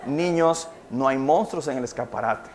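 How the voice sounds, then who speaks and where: A man's voice: mid-range voice, normal speed. A young Colombian man preaching a sermon in a church, telling stories vividly and asking questions that he then answers himself. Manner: animated storytelling preacher, asks questions and answers them. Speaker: pastor. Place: church hall.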